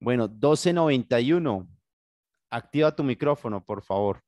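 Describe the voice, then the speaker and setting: A man's voice: medium pitch, expressive, moderate pace, a little mellow, no room sound, dull audio. A Colombian man teaching an English class over a video call in Spanish, patient and guiding, often checking in with his students. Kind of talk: online class, bilingual instruction. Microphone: computer mic on video call.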